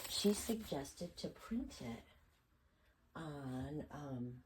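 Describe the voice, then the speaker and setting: A woman with a hoarse, squeaky voice from being sick, cracking into whispery breaks as she chats casually and thinks aloud through a craft tutorial. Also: lively intonation, very slow, slight background noise, poor audio. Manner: rambling, thinking aloud while working. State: hoarse, squeaky voice from a feverish illness. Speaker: craft vlogger.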